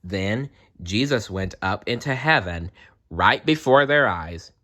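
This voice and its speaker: A male storyteller reads scripted children's narration aloud, taking his time and giving each line dramatic expression. His slightly low, fairly bright voice swings widely in pitch with lively intonation.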